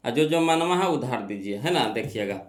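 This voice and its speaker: A man's voice: mid-range voice, expressive, normal speed. A young man teaching an exam-prep math lesson, working through problems step by step, asking and answering his own questions and repeating key phrases.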